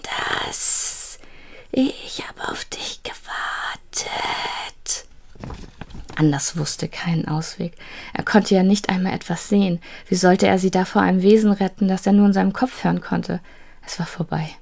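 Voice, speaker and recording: A woman reads a children's fantasy story aloud in a steady, suspenseful way. Her voice sits fairly low and carries a gravelly, creaky texture. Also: a little fast. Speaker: narrator. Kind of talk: storybook narration.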